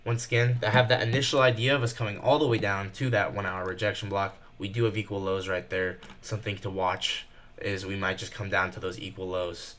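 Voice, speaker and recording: A nervous young man giving fast live commentary while trading, thinking out loud and rushing his words. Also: low-pitched, flat delivery, slight background noise. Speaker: day trader streaming live.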